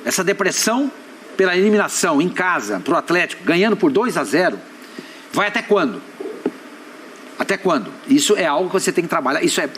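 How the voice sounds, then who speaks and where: A man with a Brazilian accent on a studio sports debate panel, talking conversationally and dropping low and quiet when he muses. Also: sing-song, brisk, background noise. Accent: Brazilian Portuguese.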